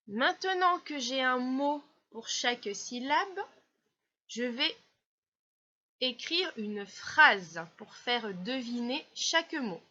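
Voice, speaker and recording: A woman from France teaches a class in a slow, patient voice, walking through each step. Her voice is bright and a little high. The recording sounds slightly dull and lo-fi. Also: expressive. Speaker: primary school teacher. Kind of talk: classroom explanation.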